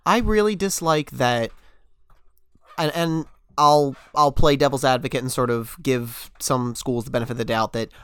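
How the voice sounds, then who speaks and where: A young adult man co-hosting a casual podcast, a little sick, talks things through earnestly, thinking aloud and often restarting. His voice is mid-range and fairly bright, at a moderate pace, with a clean tone and no room sound.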